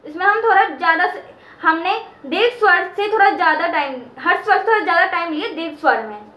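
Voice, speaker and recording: Teacher, female, very high bright voice, slow and patient delivery, echoey room. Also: animated, lo-fi sound. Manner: repeats key terms and draws out chanted sounds. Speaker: Sanskrit teacher. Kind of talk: slow explanatory lesson.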